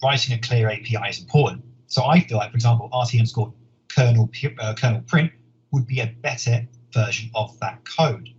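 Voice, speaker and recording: A man, a software engineer, giving a conference talk in an earnest, explanatory way, often repeating words as he thinks. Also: medium pitch, a little fast. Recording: dull lo-fi sound with faint noise.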